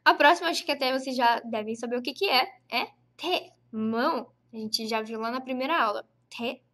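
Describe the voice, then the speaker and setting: Brazilian woman, high voice, patient chatty language teacher, drills syllables slowly. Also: sharp tone. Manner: patient, spells out syllables slowly and repeats them; frequent tag questions, chatty teaching tone. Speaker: Japanese teacher. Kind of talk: online language lesson.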